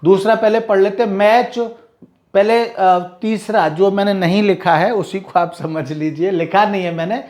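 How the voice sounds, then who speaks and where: A man's voice: high-pitched, fairly even intonation, normal speed, a little mellow. A male teacher giving a vocabulary lesson, spelling out words letter by letter.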